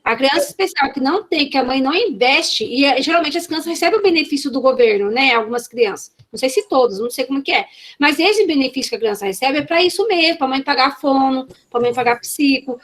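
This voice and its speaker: High-voiced woman teaching an online class. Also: expressive, fairly bright tone. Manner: enthusiastic, sounds out syllables slowly. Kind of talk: casual online class discussion.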